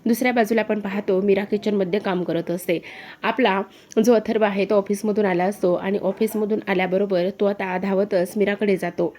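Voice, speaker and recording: A woman's voice: medium pitch, fairly even intonation, normal speed, a little mellow. A woman narrating a recap of a TV serial and reading the characters' lines in her own voice.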